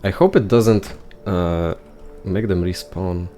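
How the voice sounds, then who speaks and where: Young male gamer, lowish voice, rambling running commentary to himself. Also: slow pace, faint music behind. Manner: rambling self-talk, thinks out loud; heavy use of "like" fillers. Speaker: gameplay commentator. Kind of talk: casual gameplay commentary.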